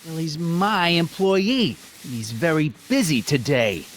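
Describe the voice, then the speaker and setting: Voicing a brash, bullying American gangster boss in a video game, an actor speaks slowly in a rather high register, with a faint hiss or hum on the audio. His sarcastic, domineering tough-guy lines are full of old-time slang and come across brusque and evasive.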